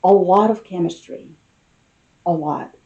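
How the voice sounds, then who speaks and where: Woman, tarot reader, unhurried pace, soft-edged relaxed tone, musing, pausing and repeating herself. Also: on the low side, highs cut off. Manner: hesitant, musing, with pauses and repeated phrases. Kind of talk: intimate tarot reading, unscripted.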